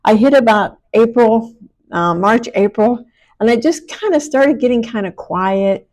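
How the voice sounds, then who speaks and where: A middle-aged woman from small-town Pennsylvania, a podcast host and women's empowerment coach, delivers a frank, colloquial, self-deprecating motivational monologue. Her voice is on the high side with a darkish tone and a measured pace. A slight speech impediment affects her R and S sounds, with the R drifting toward a W.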